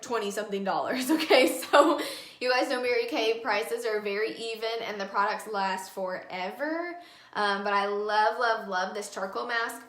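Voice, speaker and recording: A young woman in her twenties talks to viewers during a live skincare demonstration, chatty and upbeat with plenty of fillers. Her voice is bright and slightly high. The room around her sounds echoey. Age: 20s. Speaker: beauty consultant hosting a live skincare demo. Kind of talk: casual live-stream product talk.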